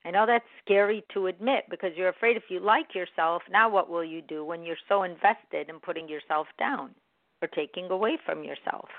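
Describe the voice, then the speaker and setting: A woman giving a gentle, encouraging and reflective motivational self-help talk. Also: lowish voice, normal speed, no echo. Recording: dry, tinny phone-like sound.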